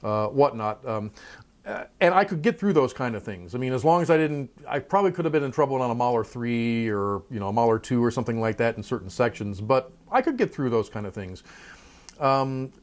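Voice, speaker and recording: A middle-aged man with a mid-range voice, speaking a little fast, discusses his life as a trumpet player and college professor. The interview is relaxed, and he's thoughtful, chatty, and prone to digressions.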